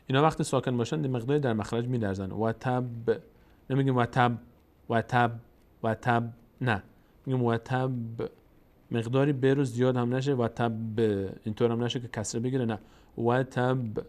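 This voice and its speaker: A man with a Tajik-influenced Persian accent teaching Quran recitation, explaining the rules quickly and then drawing out the example words slowly. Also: mid-range voice, fairly even intonation, a little mellow. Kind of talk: tajweed lesson with slow recited examples.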